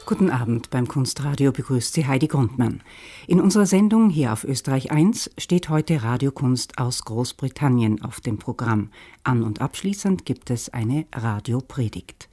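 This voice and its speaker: Mellow male radio presenter. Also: medium pitch, animated, normal speed.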